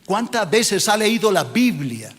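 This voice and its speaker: A man's voice: high-pitched, big pitch swings, a little slow, big-room sound. A male pastor preaching a sermon, scolding and questioning his congregation in a rhetorical style.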